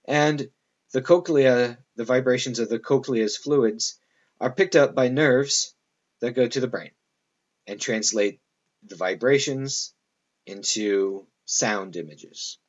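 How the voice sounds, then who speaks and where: A man's voice: mid-range voice, slow, muffled recording. A man giving a classroom lecture in a loose, conversational way, full of fillers and asides to his students.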